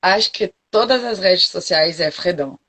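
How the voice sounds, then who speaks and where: Frank French woman, native French speaker with a French accent, slightly low pitch, chatty interview guest. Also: animated, normal speed, fairly bright tone. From France. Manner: frank, chatty, often checks in with "entendeu?". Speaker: guest, forró dance teacher. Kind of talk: casual interview chat.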